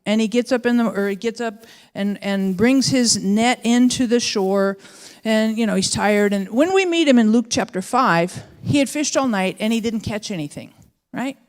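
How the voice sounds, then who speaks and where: A woman's voice: on the high side, normal speed. A woman pastor giving a sermon, telling the story in a casual, conversational way and briefly acting out the voices of its characters. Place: church. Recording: long church hall reverb.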